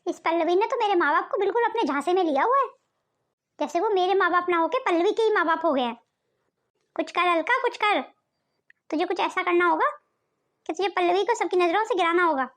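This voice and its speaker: A woman voicing a resentful, scheming grown daughter in a family cartoon, in a high, bitter voice. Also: fairly quick, pauses often, fairly bright tone.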